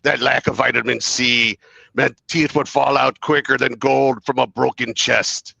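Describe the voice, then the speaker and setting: Gravelly Midwestern man hamming pirate lines. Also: mid-range voice, fairly even intonation, a little slow, bright, forceful tone, no room sound, low-quality recording. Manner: hammy pirate growls, frequent laughs. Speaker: market show crew member. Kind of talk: jokey pirate-themed segment read.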